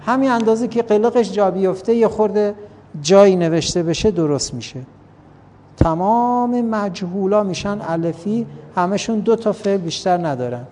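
A man's voice: sits high, warm tone, big-room sound. A man teaching Arabic grammar in a classroom, reciting verb forms in repeated sing-song drills. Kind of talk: classroom lesson.

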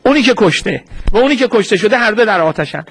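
A man's voice: sits high, slightly rough. A man giving a sermon as a story, posing rhetorical questions and answering them himself. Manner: acts out quoted speech in a lively retelling. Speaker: preacher.

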